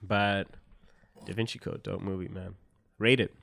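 Young male podcast co-host, low pitch, dry mic, loose slangy delivery with lots of "like". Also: flat delivery, unhurried, vocal fry, a bit bright, dry recording. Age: young adult. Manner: slangy, filler-heavy, laughs often. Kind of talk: casual chat.

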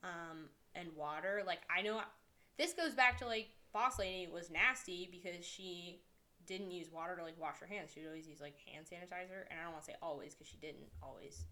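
A woman's voice: on the low side, brisk, bright, forceful tone. Blunt, laughing woman in casual chat. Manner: blunt, swears, laughs often.

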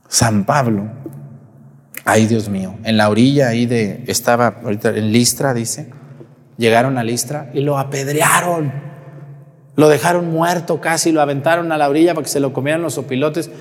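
A man in his forties, a priest giving a sermon, loud and shouting as he tells stories. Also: mid-range voice, moderate pace, long pauses, big-room sound. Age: 40s. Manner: loud, shouting, animated storytelling.

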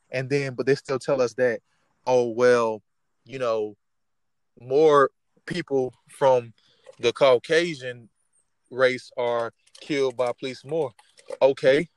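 A man's voice: a little high, dry recording. Reflective man, dry close sound. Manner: reflective, rambling, fills with "you know". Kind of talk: casual discussion.

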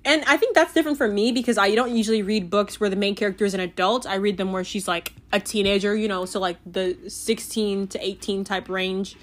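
A woman's voice: mid-range voice, a little fast, few pauses. A young woman chatting casually about a book she loved, gushing and giggly, with many filler "like"s. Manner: giggly and animated. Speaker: book reviewer. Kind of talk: casual book review chat.

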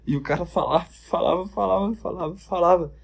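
A man's voice: high voice, a little fast, creaky, husky. A man with a Brazilian Portuguese accent rambling through comedic, profane reality-show commentary. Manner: rambling, profane, jokey storytelling. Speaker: vlogger.

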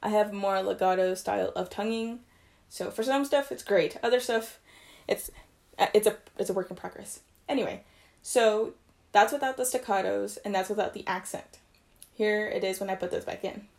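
A woman's voice: medium pitch, normal speed, creaky, darkish tone. A young woman and trumpet player teaching articulation basics in a casual video, chatty and correcting herself as she goes. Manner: chatty, self-correcting, loose explanations.

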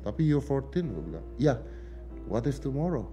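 A man's voice: medium pitch, big pitch swings, moderate pace, dark tone, faint music behind. A man, a father, telling an emotional story in casual chat and acting out the dialogue with quotes in English. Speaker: podcast guest, father of a teenager. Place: podcast studio.

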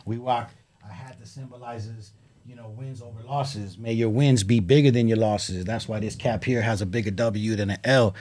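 Slangy male rapper pitching, dry sound. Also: steady tone, moderate pace, darkish tone, no echo. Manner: slangy, repeats catchphrases and words for emphasis. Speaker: rapper promoting merchandise and music. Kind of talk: casual promotional chat.

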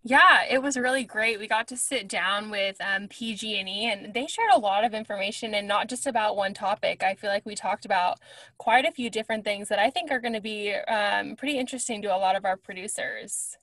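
A woman co-hosting a podcast in a relaxed, chatty way, recorded inside a closet. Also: mid-range voice, a little fast, no echo. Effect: recorded inside a closet, dry and close. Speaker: podcast co-host. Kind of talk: casual podcast chat.

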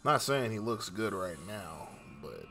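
A man hosts a casual podcast with a bright, forceful voice. His pitch swings widely as he rambles and teases his friends in slang. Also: very animated, unhurried, gravelly, soft background music. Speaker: podcast host. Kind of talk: casual chat.

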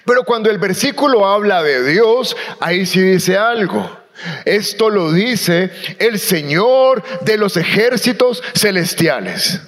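High-voiced man preaching a sermon. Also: expressive, slow pace, a bit bright. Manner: rallies the congregation to read aloud. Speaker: pastor.

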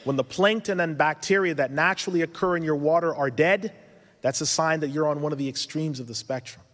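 A man in his thirties with a foreign accent, giving an earnest religious lecture at a conference, full of advice and rhetorical questions. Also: on the high side. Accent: foreign accent he mentions himself. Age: 30s. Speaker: conference speaker. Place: conference hall. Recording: reverberant conference hall.

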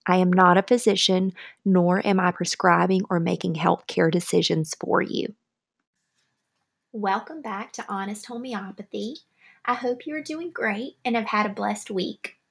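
A woman's voice: medium pitch, measured pace, vocal fry. A woman with a Southern US accent hosting a podcast, reading a friendly scripted monologue with careful delivery. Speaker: podcast host.

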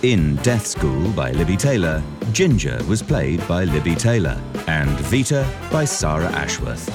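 A man's voice: deep voice, very animated, measured pace. A man reading scripted end credits for an audio drama as its announcer, with music behind him. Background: guitar music.

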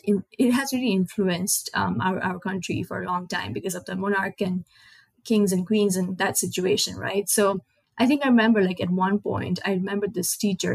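This young woman from Nepal hosts a solo English-language podcast in a chatty, rambling way, frequently self-correcting, with a Nepali accent. Her mid-range voice is creaky and husky, and the recording is dry and of poor quality.

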